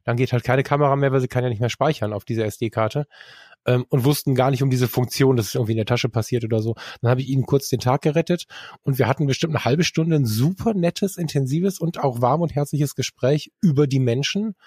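A man's voice: mid-range voice, a little fast, darkish tone, husky, no echo, studio quality. A man talking casually about his travels with a camera, rambling, with many fillers and self-corrections. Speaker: guest photographer. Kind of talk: casual storytelling in a podcast conversation.

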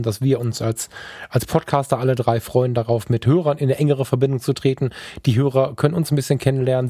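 A man co-hosting a podcast, talking casually and colloquially, lively and sometimes stammering. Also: mid-range voice, dry recording, clean studio sound. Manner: energetic, colloquial, stammers at times. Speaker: podcast co-host and photographer.

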